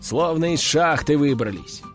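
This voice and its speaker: A man narrating a first-person audiobook in a wry, expressive way. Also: a little high, a little slow, faint music behind.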